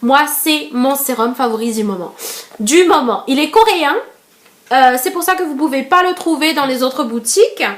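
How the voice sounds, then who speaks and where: High-voiced chatty young woman vlogger. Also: moderate pace. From Madagascar. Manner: chatty, many fillers and restarts, addresses viewers as girls. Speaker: beauty vlogger. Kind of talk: casual product review vlog.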